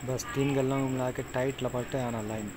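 Brisk and mid-range, with little pitch movement, this man casually explains how to tie fishing hooks step by step while working. As a fishing tutorial maker, he's plainly instructive and keeps talking as he ties knots. Clear background insect noise is present.

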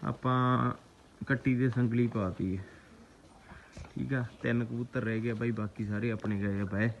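A man's voice: medium pitch, fairly even intonation, unhurried, vocal fry, highs cut off. A man with a Punjabi accent chatting casually to viewers in an informal, brotherly, rustic way as a farm vlogger. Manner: informal rustic talk, repeatedly greeting and addressing viewers as brothers. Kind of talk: casual chatty outdoor vlog, addressing viewers as friends. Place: outdoors on a farm. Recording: noisy outdoor rural ambience, birds and animals.

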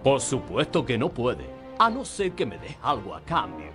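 A man's voice: medium pitch, huge pitch swings, moderate pace, music in the background. An actor playing a grandiose pirate smuggler king in a video game, with a Castilian Spanish accent and a theatrical mustache-twirling villain manner. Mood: smug, scheming.

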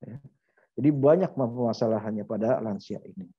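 A man's voice: mid-range voice, normal speed, breathy edge. A middle-aged man giving an informal medical lecture, talking through examples and asking rhetorical questions. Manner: conversational, uses anecdotes and rhetorical questions. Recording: slightly dull lo-fi audio.

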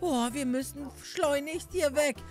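A woman hosting a Minecraft role-play, excitable, often shouting and crying out. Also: high-pitched, unhurried. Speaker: host playing a character. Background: game music.

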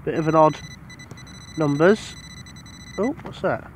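A British man, a metal detectorist, giving casual commentary to the camera outdoors on a beach as he digs up each find and gets excited about it. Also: on the high side, takes it slowly, background noise.

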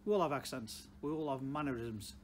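With a medium-pitched voice and a brisk delivery, this man in his sixties advises viewers to camera as a car dealer, unscripted and plain-spoken, with emphatic repeated phrases. He is from Stoke-on-Trent, England, and speaks with a Potteries accent. Showroom ambience comes through clearly in the large indoor space.

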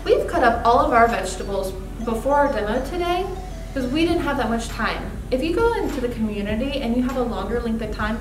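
A young woman with a high, light voice walks through a cooking demo step by step, upbeat and practical. She sounds a little distant from the mic in a roomy space. Background music plays clearly under her. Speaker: cooking demonstrator. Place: demo kitchen set, indoors.

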